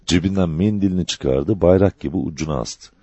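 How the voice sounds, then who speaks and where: A man reading a dramatic novel aloud as an audiobook narrator, in an expressive storytelling manner. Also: sits low, fairly quick, breathy edge, no echo, dull audio.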